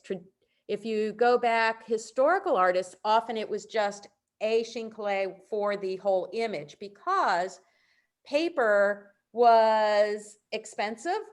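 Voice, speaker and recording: A middle-aged woman printmaker giving a virtual presentation over a video call, explaining prints with warm enthusiasm and casual asides. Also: fairly high pitch. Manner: informal asides and self-corrections. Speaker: printmaker presenting artists' work.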